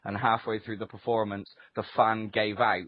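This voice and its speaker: A man's voice: lowish voice, flat delivery, normal speed, dry recording. A man co-hosting a casual podcast, chatting in a rambling, dryly humorous way. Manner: rambling, sweary, dry humour. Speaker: podcast co-host. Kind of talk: casual comic anecdote chat. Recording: dull, lo-fi voice-call audio.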